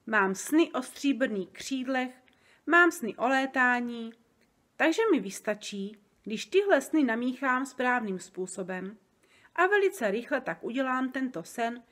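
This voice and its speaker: A woman reading aloud and voicing a big, kind male giant who talks slowly and makes up odd words. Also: fairly high pitch, expressive, a bit bright, pitched above the performer's own voice. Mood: explaining. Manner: slow, wondering, jumbled made-up words.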